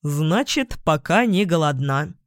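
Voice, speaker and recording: A kind young man who keeps his cool, voiced by a woman reading. Unhurried and gently wry, recorded dry and close. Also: deep voice, animated, dry recording. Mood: calm, wry. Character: good-natured young man, calm and patient.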